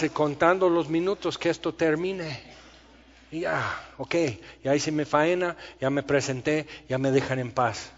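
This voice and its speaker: A man preaching a sermon, talking fast and theatrically, long-winded by his own account. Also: medium pitch. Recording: dull sound in a reverberant hall.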